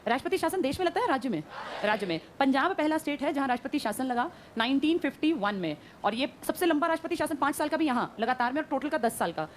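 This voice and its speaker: Brisk woman teacher, quick-fire quizzing, high-pitched and fast. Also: expressive, slight background noise. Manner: brisk, quizzing students and answering herself. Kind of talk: classroom lecture. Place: classroom.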